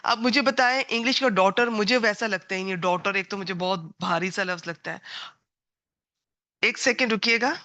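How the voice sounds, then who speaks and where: Bright-voiced woman teacher giving a class. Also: medium pitch, no echo. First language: Punjabi. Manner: warm, earnest, digressive teacherly talk with English words mixed in. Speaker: Quran and Arabic grammar teacher. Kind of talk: online class lecture.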